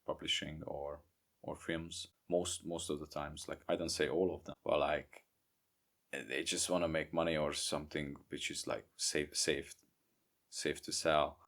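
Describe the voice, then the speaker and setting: A young Hungarian man with a Hungarian accent, a guest author talking casually in a podcast interview, halting and repeating words. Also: rumbling low, level tone, a bit bright. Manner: halting, repeats words, non-native grammar. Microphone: remote podcast recording.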